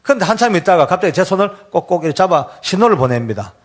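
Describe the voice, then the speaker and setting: A man's voice: very animated, very fast. Earnest older man giving a testimony. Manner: earnest, deeply emotional storytelling. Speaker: church elder giving testimony. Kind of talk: emotional testimony sermon.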